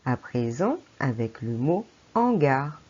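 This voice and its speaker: A woman's voice: very deep voice, big pitch swings, slow pace, a little mellow, slightly rough, highs cut off. A French woman teacher giving a patient phonics lesson to a young child, speaking to the child directly. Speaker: primary school teacher.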